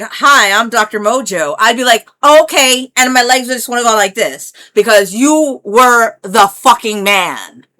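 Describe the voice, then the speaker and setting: A woman's voice: a little high, pushed and bright. A woman, rambling through a brash, profane, casual vlog monologue. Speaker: vlogger.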